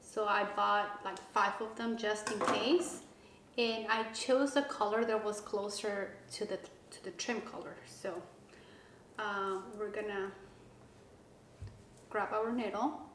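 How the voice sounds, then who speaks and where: A woman giving a casual step-by-step craft tutorial, talking in a relaxed way with many fillers and restarts. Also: medium pitch, takes it slowly. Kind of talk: casual how-to instruction. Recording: echoey room with faint background noise.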